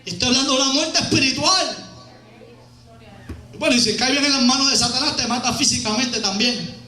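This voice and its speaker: A man preaching a fiery sermon as an evangelist, shouting and driving his points home with repeated phrases. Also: very high-pitched, brisk. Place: church hall. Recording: echoey church hall with faint music.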